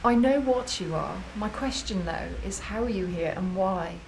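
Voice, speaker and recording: An actress playing an eccentric old psychic medium who speaks gently and calls others child. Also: female voice, mid-range voice, animated, moderate pace, creaky, a little hiss or hum, low-quality recording. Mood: gentle.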